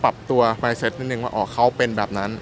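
A man's voice: mid-range voice, fairly even intonation, fast, slight background noise. A Thai man chatting casually and explaining things politely, dropping English phrases into his talk with a Thai accent. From Thailand. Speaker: interview guest. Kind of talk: casual chat.

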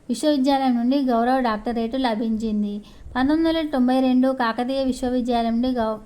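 A woman's voice: fairly high pitch, dark tone. A woman narrating a biography for her channel, reading long lists of dates and awards with occasional slips and restarts. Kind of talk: read-aloud biography narration.

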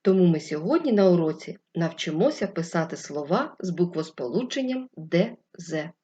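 A woman teacher leads a distance literacy lesson for young children, speaking slowly, clearly and patiently. Her voice sits a little low and slightly husky. The recording is dull and lo-fi. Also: expressive, warm tone. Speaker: first-grade teacher.

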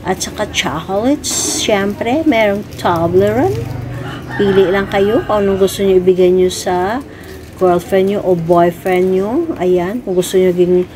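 A woman's voice: mid-range voice, a little slow, background noise. A woman with a Filipino accent, vlogging casually as she walks around an office bazaar with her phone. She chats along and keeps saying "ayan" between items. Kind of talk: casual walk-through vlog. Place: indoor office bazaar with crowd. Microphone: handheld phone camera. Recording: phone video with crowd chatter.

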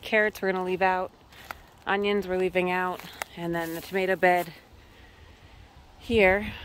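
A woman's voice: lowish voice, slight background noise. A woman from Massachusetts casually walking through her garden and thinking aloud with many ums. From Massachusetts, USA. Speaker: homesteader giving a garden tour. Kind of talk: casual walk-through vlog. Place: outdoor garden.

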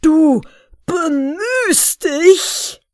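A woman's voice: fairly high pitch, expressive, extremely slow, a little mellow, dry recording, studio quality, voice pushed up. A woman voicing a cruel, mocking tyrant king who bellows his orders. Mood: furious. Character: cruel loud-mouthed male tyrant king.

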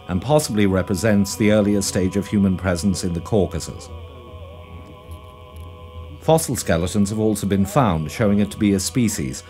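Low, mellow male documentary narrator. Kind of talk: scripted narration. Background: faint music.

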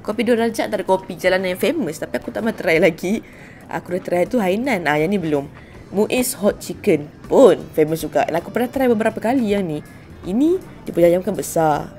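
A woman's voice: on the low side, a little mellow. Chatty Malaysian woman in a voice-over. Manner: chatty and self-mocking, with asides to viewers. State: hungry while fasting. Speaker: food vlogger. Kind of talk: casual voice-over narration. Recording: voice-over with faint music behind.

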